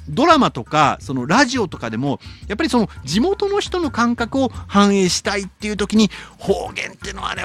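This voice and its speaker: A man hosts a radio show, chatting about listener letters. His voice sits high and swings widely in pitch. Soft music plays faintly under his talk. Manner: lively, reads letters aloud, then comments chattily.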